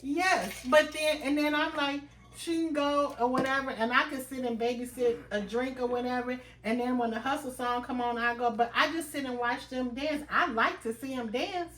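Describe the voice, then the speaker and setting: A woman co-hosting a casual chat show, animated and slangy, laughing loudly. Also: high voice, moderate pace, reverberant, slight background noise. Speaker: podcast co-host.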